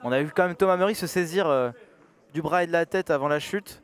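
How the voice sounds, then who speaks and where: Slightly high male MMA co-commentator. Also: fast, clear, resonant tone.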